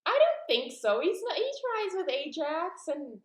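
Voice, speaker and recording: A young woman hosting a stream in a casual way, reading chat comments aloud and giving quick opinions. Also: very high voice, big pitch swings. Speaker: streamer, host. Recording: echoey room.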